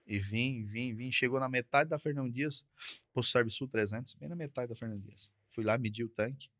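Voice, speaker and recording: A man's voice: mid-range voice, fairly quick, a bit bright, dry recording. Male trucker guest, mid-range voice, plain conversational storyteller, dry studio sound. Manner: repetitive, conversational, frequent tag questions. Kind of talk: casual storytelling. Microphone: podcast studio mic.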